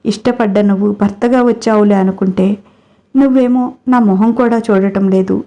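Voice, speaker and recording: A fiery young wife from a storybook, quick to scold and full of hurt feeling, as a woman reader puts her on. The voice is low-pitched for her age, with a dark, mellow tone. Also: fairly even intonation, close to an everyday voice. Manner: emotional, scolding. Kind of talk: storybook character reading.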